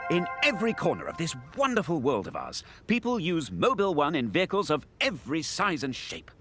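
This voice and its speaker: A fussy, lively professor. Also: male voice, fairly high pitch, a little fast, faint music behind, full character voice. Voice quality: plummy, exasperated, formal. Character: prim fussy middle-aged male professor presenter. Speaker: ad presenter. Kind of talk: comic ad narration.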